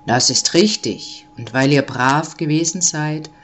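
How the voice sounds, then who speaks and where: A woman voicing a big, friendly old Nikolaus, speaking slowly and low. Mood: kindly. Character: deep-voiced kindly old Nikolaus, a big man.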